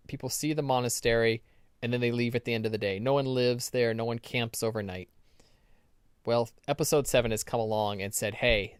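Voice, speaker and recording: A man's voice: medium pitch, clear, resonant tone, dry recording, studio quality. A man co-hosting a podcast in casual chat, rambling through stories with ums and restarts. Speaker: podcast co-host.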